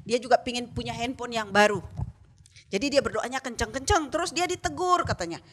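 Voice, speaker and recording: A woman teaching a children's Sunday school lesson in a lively way, often asking the children questions. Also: on the high side, brisk, a little hiss or hum.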